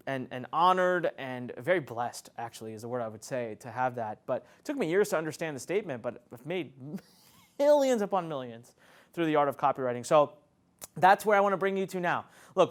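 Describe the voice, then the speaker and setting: Speaking to camera with lots of energy, a man teaches an online marketing lesson in a conversational, enthusiastic way. His pitch swoops up and down, and he breaks into laughter frequently as he talks.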